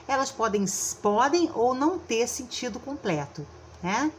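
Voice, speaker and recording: A woman's voice: on the high side, lively intonation, unhurried, a little hiss or hum. A woman teacher with a Brazilian Portuguese accent giving a recorded grammar lesson, explaining patiently and often checking in with her students.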